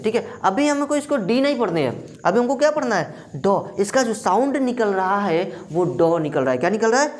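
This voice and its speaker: Hindi-speaking woman teaching English sounds. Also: mid-range voice. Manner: repeats questions and answers them herself; drills letter sounds slowly. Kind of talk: classroom lesson.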